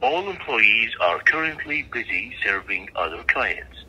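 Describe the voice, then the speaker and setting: A man's voice in a recorded phone menu message, giving formal, measured prompts over a phone line. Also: lowish voice, expressive, loud music behind the voice. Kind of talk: scripted phone system prompts.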